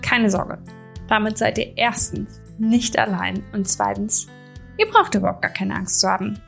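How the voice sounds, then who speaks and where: A woman's voice: medium pitch, fairly even intonation, moderate pace, gravelly, fairly bright tone, faint music behind. A woman in her thirties hosting a podcast interview, chatty and addressing her listeners directly. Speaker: podcast host.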